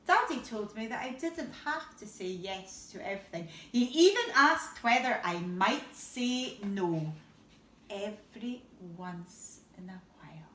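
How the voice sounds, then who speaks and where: This bedtime story comes from a woman teacher reading a picture book to young children in a mid-range, fairly bright voice, animated and a little slow. She elongates words and drops in little asides; the recording sounds roomy and distant-miked.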